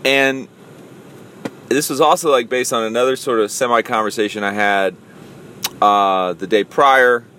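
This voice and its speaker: A man's voice: mid-range voice, measured pace, long pauses, pushed and bright, a little hiss or hum. A man in his forties, a podcast host and youth pastor, telling a story in a casual, self-amused solo monologue. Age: 40s.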